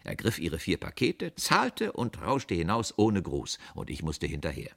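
A man narrating a humorous short story with wry, expressive delivery. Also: low voice, unhurried, gravelly.

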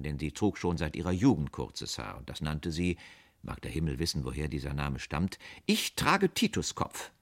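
A man narrating a humorous short story with wry, expressive delivery. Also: low voice.

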